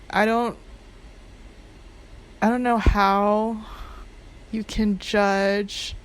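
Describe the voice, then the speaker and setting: A woman's voice: medium pitch, rough recording. A young adult woman vlogging in a casual, rambling monologue, hesitant and meandering, leaning heavily on filler words. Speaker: amateur video blogger.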